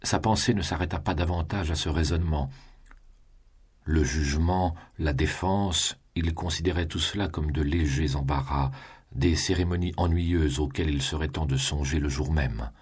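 A man narrating a classic novel in a calm, measured reading voice. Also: a bass voice, breathy edge. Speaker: audiobook narrator.

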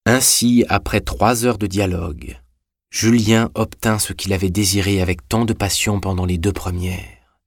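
A man narrating a classic novel in a measured, even reading. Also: sits low, vocal fry, no echo, studio quality. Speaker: audiobook reader. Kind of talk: scripted audiobook narration.

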